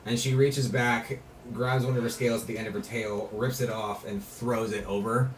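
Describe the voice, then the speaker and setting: A man's voice: mid-range voice, steady tone, moderate pace. A man casually narrating a tabletop fantasy game as game master. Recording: echoey room, distant mic, faint noise.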